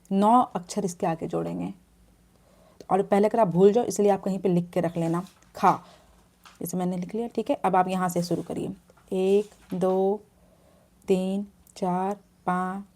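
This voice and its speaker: A woman hosts a devotional how-to video and speaks close to a phone camera. Her voice is mellow and warm, at a middle pitch. She explains each step earnestly, one instruction after another.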